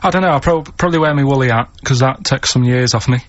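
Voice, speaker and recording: A man, a radio show regular telling a rambling story in a flat, plain-spoken way, recorded in a radio studio. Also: medium pitch, quick pace, slight background noise. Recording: dull radio broadcast sound.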